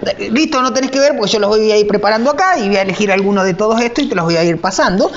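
A woman's voice: medium pitch, expressive, rapid-fire, muffled recording, a little hiss or hum. A woman co-hosting a casual chat, teasing and playful as she talks.

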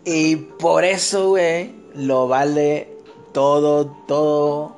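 A man, hosting a podcast and telling an anecdote in a slangy, animated way. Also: very slow, soft background music. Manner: slangy, animated, shifts into high squeals when quoting others. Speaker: podcast host. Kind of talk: casual storytelling chat.

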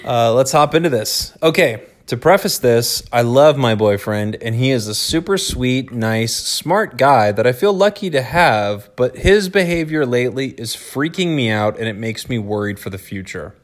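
Podcast co-host, man, easygoing and conversational, middle pitch. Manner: relaxed, drops quick joke voices. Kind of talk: casual chat, reading a listener letter.

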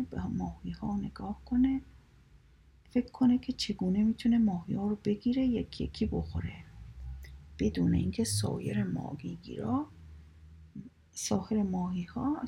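A woman reading children's stories aloud, narrating softly and often in a whisper. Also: medium pitch, gravelly, slightly rough, muffled recording. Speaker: storyteller.

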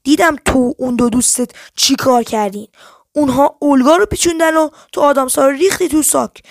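A woman's voice: sits high, creaky, dry recording, clean studio sound. A woman reading the lines of a firm, stubborn young private detective who presses for answers. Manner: firm and insistent.

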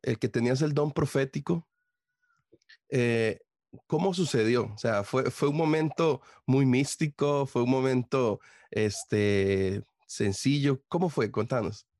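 A man with a Costa Rican accent hosting a podcast interview, asking his guest questions with many pauses, fillers and restarts. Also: medium pitch, a little mellow, no room sound, studio quality. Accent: Costa Rican Spanish. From Costa Rica. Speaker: podcast host. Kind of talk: casual interview.

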